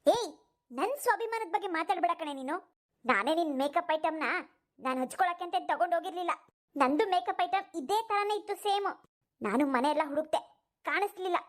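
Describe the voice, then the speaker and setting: Woman voicing an elder daughter-in-law, high voice, quick retorting cartoon lines. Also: expressive. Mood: defensive. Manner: defensive, retorting. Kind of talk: cartoon voice acting.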